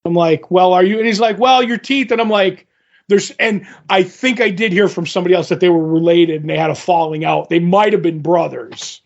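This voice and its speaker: A man in his fifties chats as a podcast co-host, his voice sitting high for a man. He rambles through anecdotes and acts out every line of dialogue, laughing easily as he goes. The recording is dull and lo-fi. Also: fairly quick, gravelly. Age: 50s. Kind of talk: casual chat.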